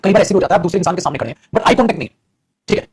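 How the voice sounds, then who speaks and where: Husky-voiced teacher, fast. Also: male voice, high-pitched, sing-song, no room sound, studio quality. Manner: explains patiently, keeps calling students "beta". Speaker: English teacher. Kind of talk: teaching a class.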